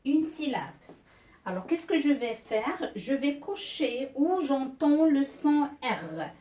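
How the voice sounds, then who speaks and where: A woman teacher takes beginners through a reading lesson at a very slow, deliberate pace, repeating each word and syllable. Her voice sits slightly high. The recording is roomy and echoey, with her a little back from the mic. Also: very animated, dark tone, distant mic. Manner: patient, repeats words and syllables slowly.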